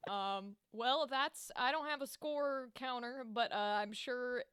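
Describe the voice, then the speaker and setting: A woman's voice: a little high, slow pace, a crowd in the background. A young woman co-hosting a podcast, talking bluntly in casual chat, swearing freely and laughing often. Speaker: podcast co-host.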